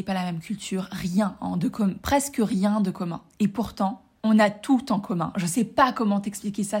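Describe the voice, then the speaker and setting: A French woman who works as a podcast host and coach chats enthusiastically on her casual personal podcast, addressing her listeners directly. Her mid-range voice is husky and a little mellow.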